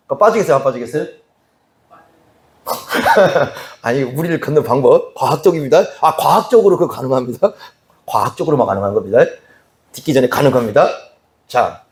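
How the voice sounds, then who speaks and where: A man's voice: a little high, darkish tone. A male pastor preaching an expository sermon in a conversational way, often asking the congregation questions. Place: church sanctuary.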